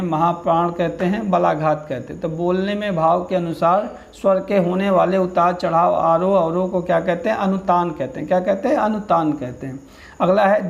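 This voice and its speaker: A man's voice: sits high, vocal fry. A male teacher giving an exam-prep grammar lesson, asking questions, then answering and repeating them patiently. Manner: steady, patient explaining.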